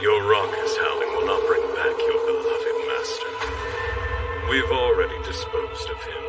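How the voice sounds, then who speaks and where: Cold villain, anime dub, formal and contemptuous, dramatic pitch swings, distant beneath loud music. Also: male voice, wildly swooping pitch, normal speed. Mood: cold contempt. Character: cold menacing male villain.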